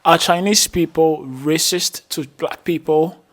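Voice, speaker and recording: Brief: enthusiastic male street-interview host, slightly high voice. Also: fairly even intonation, unhurried, a bit bright. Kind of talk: upbeat vlog intro and street interview questions.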